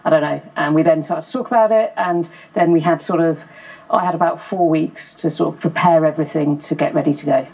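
A woman in her thirties, an RAF Police officer, answers questions on a television studio sofa through a lapel mic. Her voice is low, gravelly and husky. She talks fast and matter-of-fact. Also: darkish tone, rough recording. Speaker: RAF Police squadron leader, guest. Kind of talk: studio interview.

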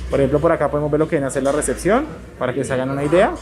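A young travel vlogger speaks through a face mask, very fast and a little high, casually and enthusiastically showing a restaurant and city streets on a trip from Colombia. He leans heavily on filler phrases, with background music and crowd noise around him.

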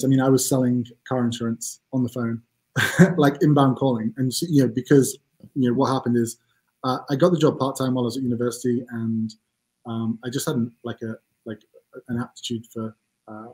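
A Mancunian man in his forties speaks as an interview guest over a webcam call. His voice is dark and mellow, and he talks casually, hesitantly and with self-deprecating asides. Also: mid-range voice, a little fast, rough recording. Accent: Mancunian English. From England. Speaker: CEO guest. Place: home office room. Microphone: video call webcam.

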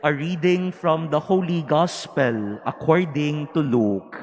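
Slow solemn priest with cathedral echo. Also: male voice, fairly high pitch. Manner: measured, solemn, deliberate delivery. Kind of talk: liturgical gospel proclamation at Mass. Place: large cathedral. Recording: long reverb of a large cathedral.

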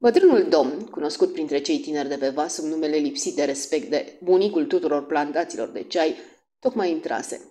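A woman with a low voice narrates an audiobook. Her reading is expressive, with wide, lively pitch movement as she brings each character to life.

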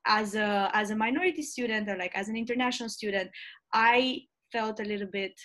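A Romanian student leader in her early twenties is interviewed over a video call from a bright room at home, wearing earbuds. Her mid-range voice is brisk, pushed and bright, and she speaks thoughtfully with many ums and restarts.

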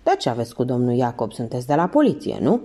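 A woman voicing a suspicious, gossipy female concierge who answers quickly and defensively. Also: rumbling low, big pitch swings, dark tone, voice pushed down, full character voice. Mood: indignant.

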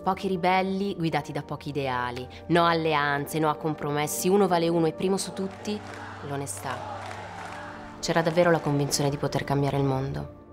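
A low-voiced former activist, now a consultant, looks back reflectively in a mockumentary interview, played by a woman. Faint music runs behind her. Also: moderate pace, natural voice.

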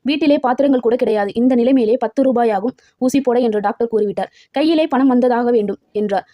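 A man's voice: very high-pitched, brisk, no room sound. Lady voicing a sick poor cart driver guy, pleading and anguished, slightly muffled dry sound. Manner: earnest, anguished testimony.

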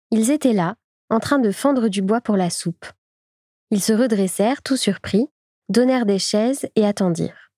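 A woman reading a classic short story aloud in even, clear storytelling narration. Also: mid-range voice, no room sound, clean studio sound. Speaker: audiobook reader. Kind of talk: scripted literary narration.

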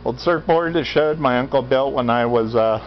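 Holding his camera at arm's length, a farm-dwelling American man in his fifties wanders a cluttered concrete basement indoors, giving rambling, matter-of-fact commentary for his vlog. His voice sits in the mid range at a moderate pace, with soft background music and a loud radio playing continuously. The recording is dull and lo-fi, and the background is loud.

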